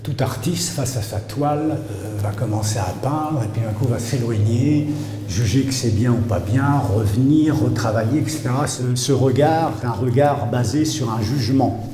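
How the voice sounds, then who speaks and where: A man in his fifties, a performance artist from Congo, reflecting aloud and pausing often to search for words. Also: mid-range voice, slight background noise. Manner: halting, searching for words with many fillers. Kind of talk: reflective voice-over. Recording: roomy hall reverb under loud music.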